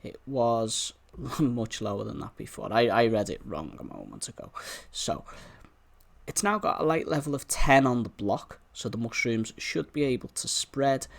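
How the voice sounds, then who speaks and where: A man's voice: lowish voice, vocal fry, fairly bright tone. A man giving casual let's-play commentary, chattily explaining each move as he plays. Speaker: gaming YouTuber.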